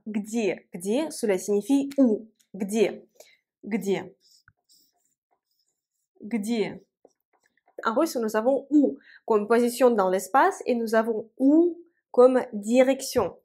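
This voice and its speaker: A woman teaching a language lesson, speaking slowly and carefully and repeating example words. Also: fairly high pitch, mellow. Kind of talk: Russian lesson for French speakers.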